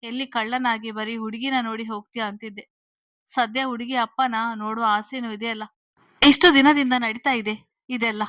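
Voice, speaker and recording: A woman's voice: fairly high pitch, little pitch movement, normal speed, fairly bright tone, no room sound, close to an everyday voice. A woman voicing a stern, questioning father. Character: stern protective father, middle-aged man, questioning.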